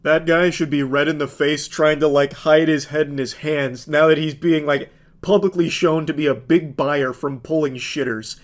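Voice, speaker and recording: A man's voice: on the high side, fairly even intonation, moderate pace. A man giving sarcastic, exasperated reaction commentary. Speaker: online commentator.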